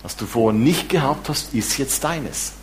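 A man delivers a sermon, his pitch rising and falling with animated emphasis. He mixes earnest teaching with wry, self-deprecating humor. Faint noise sits under the recording. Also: normal speed. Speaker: pastor.

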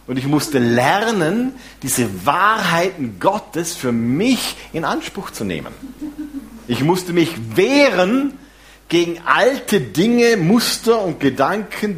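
A man preaching a sermon, lively and warm in his asides, with some self-deprecating humor. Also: on the high side. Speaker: pastor.

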